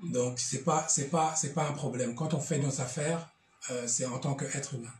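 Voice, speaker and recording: A middle-aged man from Belgium, a guest speaking earnestly in an interview, halting and repeating words as he searches for them. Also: mid-range voice, steady tone, slight background noise. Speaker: guest, association representative. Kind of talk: earnest testimony in a talk show interview.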